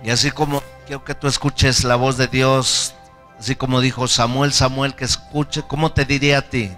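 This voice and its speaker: A man's voice: mid-range voice, flat delivery, moderate pace, fairly bright tone, long reverb tail, soft background music. A male pastor preaching a sermon with fervor. He repeats key phrases and leads the congregation in prayer.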